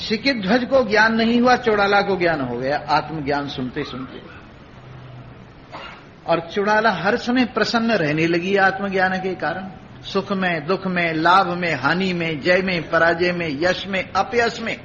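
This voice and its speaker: A man with a high, bright voice gives a spiritual discourse in with a tinge. He tells stories and voices the characters himself, stacking rhythmic, repeated phrases. The recording is dull and lo-fi, with a faint hiss behind him. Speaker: swami giving a discourse.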